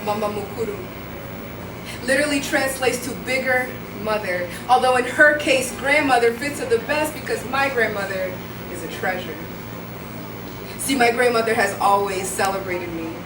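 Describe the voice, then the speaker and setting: A Rwandan woman in her twenties performs spoken word poetry live at an indoor venue, her earnest, rhythmic delivery building through repetition. Her voice is a little high and at normal speed. It sounds far off in an echoey room, with background noise and music behind her.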